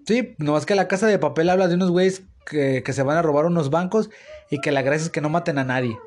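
Talking fast, this Mexican-accented podcast host in his thirties rambles through a casual chat full of slang and restarts. His fairly high voice is a little mellow, recorded noisily at home.

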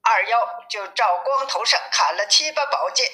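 A woman reading a classic novel aloud as a storyteller, in steady, even narration, with a tinny phone-like sound. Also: on the high side, moderate pace.

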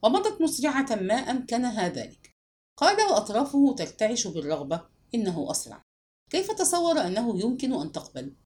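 A woman reading a novel aloud as narrator, giving the characters' dialogue expressive voices. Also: fairly high pitch, brisk. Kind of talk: scripted audiobook narration.

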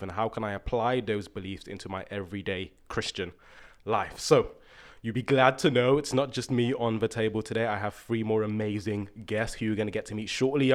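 Upbeat chatty man with Birmingham accent. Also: lowish voice. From England. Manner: upbeat, chatty, laughs easily. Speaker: podcast host. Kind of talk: casual podcast chat.

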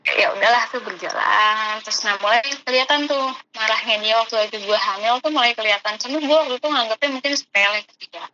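A woman's voice: a little high, fast, bright, forceful tone. A young woman, chatting casually about her own life as a guest. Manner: chatty, uses Jakarta slang. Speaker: guest telling her story. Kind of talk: casual chat. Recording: muffled with clear background noise.

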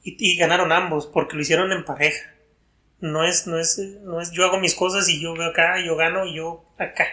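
A man talks as a guest, thinking aloud and circling back over his words. His voice sits high for a man and sounds bright. The recording has a roomy echo around him. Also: level tone, a little fast. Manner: thoughtful, repeats and restarts words while thinking. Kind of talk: casual reflective chat.

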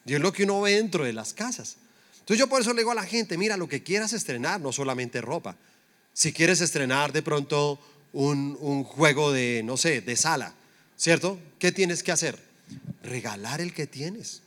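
A man's voice: a little high, lively intonation, normal speed, a bit bright. A middle-aged man preaching a conversational sermon, full of rhetorical questions to the congregation. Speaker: pastor.

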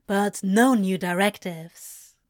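A woman plays a laid-back male demon, a teasing, coaxing tempter from a story, speaking slowly in a medium pitch close to an everyday voice. The recording is close and dry, with no echo.

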